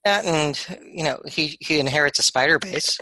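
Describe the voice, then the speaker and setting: A man co-hosting a podcast, talking in halting, stammering restarts. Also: on the high side, pushed and bright, no room sound, rough recording. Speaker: podcast co-host, attorney. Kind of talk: casual podcast chat.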